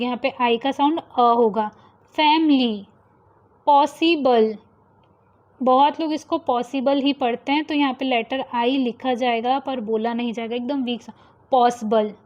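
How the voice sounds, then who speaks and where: A young woman teaching English pronunciation, repeating example words slowly to contrast wrong and right ways of saying them. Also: high voice, darkish tone. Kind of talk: phonics lesson explaining pronunciation rules. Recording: slightly dull lo-fi sound.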